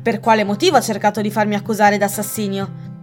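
A woman reading aloud and voicing a stiff, indignant elderly English colonel with a gruff, pompous manner. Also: medium pitch, flat delivery, fast talker, a little mellow, soft background music, natural voice.

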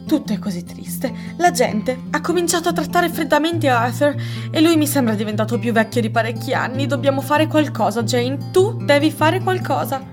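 A woman's voice: high-pitched, moderate pace, over music, voice pushed up, close to an everyday voice. A woman reading aloud and voicing an impatient, anxious middle-aged English lady who talks in a pressing, raised voice.

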